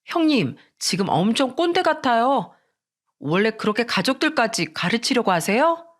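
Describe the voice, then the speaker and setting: A woman's voice: on the high side, very animated, moderate pace. A woman reading the part of a blunt, rude young sister-in-law who talks back in a storybook drama. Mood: defiant.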